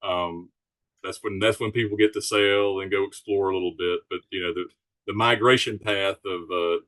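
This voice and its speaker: Podcast guest: easygoing man, fairly low voice, informal and explanatory. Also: fairly even intonation, moderate pace, a bit bright. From Alabama Gulf Coast, United States. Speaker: podcast guest, charter sailboat captain. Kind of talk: casual chat, explaining.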